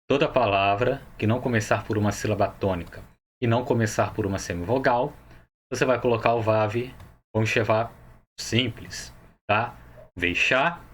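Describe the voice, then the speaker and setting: A man's voice: medium pitch, a bit bright. A man with a Brazilian Portuguese accent teaching a Hebrew grammar lesson, explaining each step patiently and often checking that the viewer follows.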